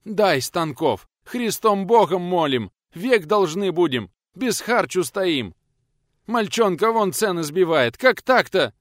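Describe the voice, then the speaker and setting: Frightened village weavers wail and beg in rustic speech, as a male narrator puts them on. The voices rise high above the reader's own and drag out each plea. The recording is dry and close. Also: sing-song, slow pace, no room sound, heavily acted. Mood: desperate begging. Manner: wailing, pleading in rustic speech.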